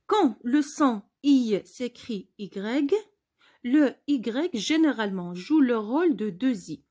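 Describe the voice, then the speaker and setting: Slow, mellow-voiced woman teacher. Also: on the high side, expressive. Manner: patient, repeats words slowly for pupils. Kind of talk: spelling lesson for pupils.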